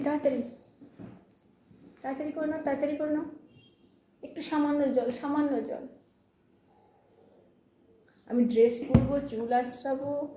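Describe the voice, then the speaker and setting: A woman's voice: sits high, dark tone, reverberant, a little hiss or hum. A woman chatting casually in a home vlog, urging a child to hurry while talking to her viewers. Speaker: vlogger and mother.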